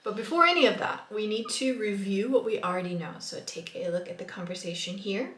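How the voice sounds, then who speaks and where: A woman's voice: mid-range voice, lively intonation, extremely slow, fairly bright tone, roomy sound. A woman teaching a language lesson online, patiently repeating words for learners.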